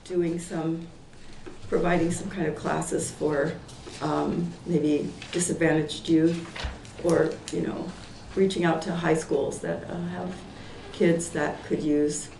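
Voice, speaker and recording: Speaking up at a public hearing in a town meeting room, this Portland, Oregon woman in her sixties sounds hoarse, as if her voice is going. She rambles through fillers and restarts with light laughter, her low voice warm but flat and slow. The echoey hall, distant mic and faint noise color the recording.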